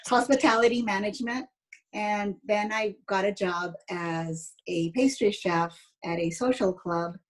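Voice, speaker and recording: At a measured pace and medium pitch, an educator and former pastry chef in her fifties from San Jose, United States, speaks as an interview guest. Her style is chatty and explanatory, with casual storytelling.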